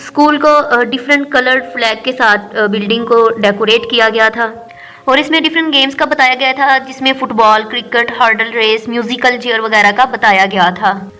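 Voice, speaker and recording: High-voiced woman teaching a lesson. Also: pushed and bright, soft background music. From Pakistan. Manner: explains patiently, repeats points, reads English lines slowly. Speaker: English teacher. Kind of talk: recorded lesson explanation.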